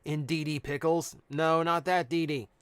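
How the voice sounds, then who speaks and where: Casual guy rambling while opening packs on stream, smooth voice, dry room. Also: on the high side, fairly even intonation, normal speed, a bit bright, no room sound. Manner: chatty, reads out cards, answers chat. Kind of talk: casual live-stream chat.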